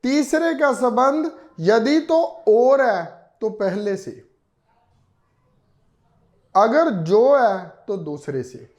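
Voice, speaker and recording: A man's voice: very high-pitched, darkish tone. A man teaching a reasoning class, explaining step by step and repeating key words for students. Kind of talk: classroom lecture.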